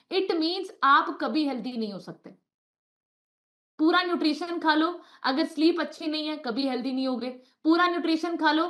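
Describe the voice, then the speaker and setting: A woman's voice: sits high, bright, forceful tone. A woman, a nutrition coach giving a motivational talk over a video call, telling stories with emphatic repetition.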